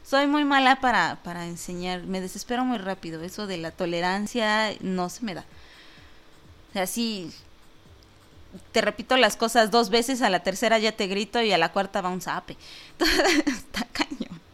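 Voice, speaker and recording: A woman's voice: mid-range voice, lively intonation, normal speed, fairly bright tone. A woman with a Mexican accent hosting an online talk show, chatting casually and jokingly as she reads out listener comments. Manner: chatty and joking, lots of fillers and laughter.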